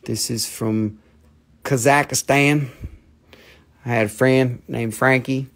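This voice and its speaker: A Southern-accented man hosting a live mineral sale speaks slowly in a steady, mid-range voice with a bit of brightness. In an indoor room with a specimen table, he holds up stones for the camera and rambles, jokes, swears, and slips into put-on accents.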